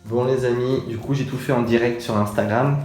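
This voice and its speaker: Casting: young male vlogger, warm mellow tone, chatty and excited, filmed on a camera at home. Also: mid-range voice, fairly quick, a little hiss or hum. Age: 20s. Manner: chatty, enthusiastic, lots of fillers. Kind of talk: casual vlog chat to camera. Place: small bathroom at home, resonant.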